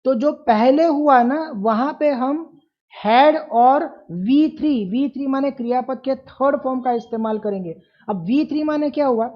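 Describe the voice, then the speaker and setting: Slow, deliberate woman teacher explaining grammar. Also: high voice, highs cut off. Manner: repeats example sentences slowly and emphatically, asks students questions. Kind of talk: classroom grammar lesson.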